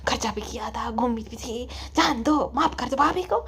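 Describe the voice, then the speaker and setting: Woman doing a hushed, chiding mother. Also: a little high, normal speed, husky, pitched below the performer's own voice, heavily acted. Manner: hushed, half-whispered, gently chiding. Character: soft-spoken scolding middle-aged mother.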